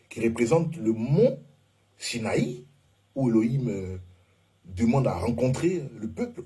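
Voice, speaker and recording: Male teacher, informal Bible and Hebrew lesson, very breathy raspy voice, lowish pitch, hesitant, keeps checking in. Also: mellow. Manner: keeps checking in with "ok?" and "vous voyez?", often hesitates with "euh". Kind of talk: informal teaching talk with slides.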